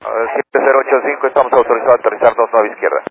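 Piloto por radio, muy rápido. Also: male voice, medium pitch, fairly even intonation, rapid-fire. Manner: clipped, formulaic aviation phrasing. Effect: cockpit headset radio transmission. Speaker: airline pilot. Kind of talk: radio readback to the tower. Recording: narrow tinny radio band.

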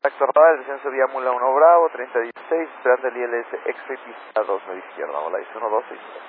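A man's voice: mid-range voice, fast. A male airline pilot, giving clipped, terse readbacks over a cockpit headset radio transmission. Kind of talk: air traffic radio readbacks. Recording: narrow tinny radio channel with faint static.

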